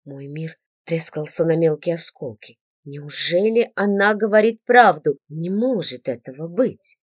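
A woman reading first-person story narration in a calm, measured way. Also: deep voice, breathy edge, no echo. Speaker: audiobook narrator.

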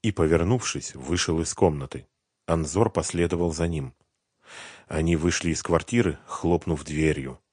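A man narrating an audiobook in a dramatic, expressive reading. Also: a bass voice, moderate pace, husky, no echo, clean studio sound. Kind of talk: scripted narration.

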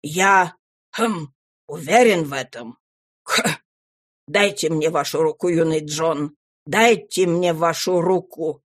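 A stiff, pompous older gentleman in a storybook reading, his voice pitched low and heavy. He speaks with wounded pride and keeps clearing his throat. A woman performs him. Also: takes it slowly. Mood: embarrassed. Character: proud irritable older gentleman, quick-tempered.

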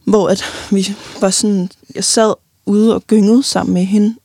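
A young woman giving a halting, personal account of loss in an interview, often pausing and restarting, sometimes tearful. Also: medium pitch, flat delivery, vocal fry, warm tone, husky, dry recording, studio quality. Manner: halting, many fillers and restarts, tearful at times.

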